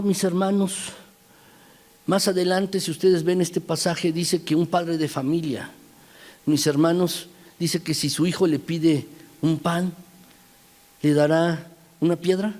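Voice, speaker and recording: A man's voice: on the high side, darkish tone. Emphatic male pastor preaching in a church. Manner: emphatic, repeatedly addressing the congregation as brothers. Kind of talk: sermon. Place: church sanctuary. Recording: long church-hall reverb.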